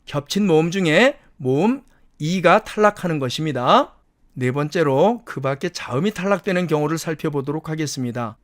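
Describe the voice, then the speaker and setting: A man lecturing as an English pronunciation teacher, explaining rules step by step, slowing down to demonstrate words, and asking rhetorical questions to check understanding. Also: on the high side, a bit bright, no room sound, clean studio sound.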